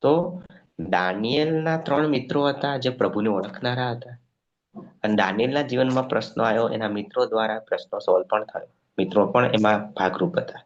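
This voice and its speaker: A low-voiced man preaches a sermon, acting out the stories as he tells them. He keeps checking that his listeners follow along. The sound is dull and lo-fi. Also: a little fast. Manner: animated storytelling with checking questions to the congregation. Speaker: pastor.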